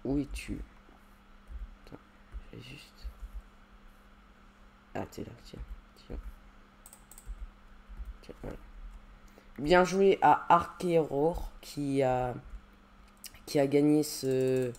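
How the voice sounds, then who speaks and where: A man's voice: mid-range voice, very slow, vocal fry, pauses often, a little hiss or hum. Man, gameplay commentary, casual, rambling, hesitant, fillers, faint keyboard clicks. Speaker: YouTuber.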